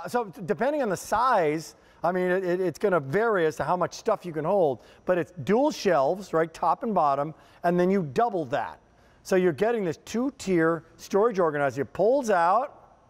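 An American man presents as a home shopping host in a notably high voice. His delivery is enthusiastic and folksy, full of exclamations and sales patter. The sound carries long studio reverb. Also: lively intonation, moderate pace. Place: home shopping television studio with kitchen set.

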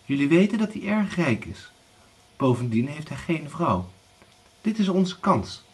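A man's voice: on the high side, very animated, a little slow, slightly rough, pitched above the performer's own voice, full character voice. A man voicing a scheming middle-aged widow who pushes her daughters to marry well, with a pushy, coaxing manner.

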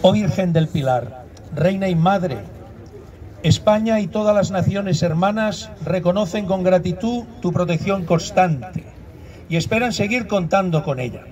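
A man, a priest leading a slow, measured prayer service outdoors at a monument. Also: high voice, a little mellow. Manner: slow, measured liturgical recitation. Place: outdoor public square at a monument. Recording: dull muffled outdoor recording.

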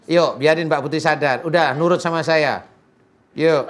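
A man's voice: fairly high pitch, normal speed, a bit bright. A man, a preacher, coaxing and joking through a spiritual healing session, then chanting prayers. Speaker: Islamic preacher performing an exorcism.

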